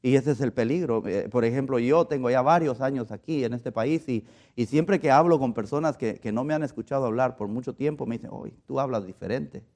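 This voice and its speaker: A man's voice: mid-range voice, brisk, hardly any pauses, a little mellow. A man from Guatemala with a Guatemalan Spanish accent, giving a conversational sermon in an earnest way and often repeating words as he looks for them. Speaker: preacher.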